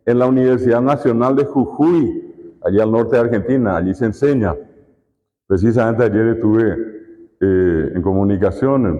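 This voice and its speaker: A man with a Paraguayan Spanish accent giving a conference lecture as a university lecturer, explaining with repeated examples and rhetorical questions. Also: lowish voice. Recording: echoey hall, dull lo-fi sound.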